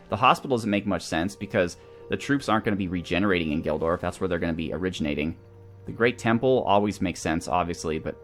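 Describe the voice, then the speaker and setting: Over background music, a low-voiced man with a fairly bright tone hosts a video game playthrough. Running a gaming series, he talks casually and thinks out loud as he considers his options.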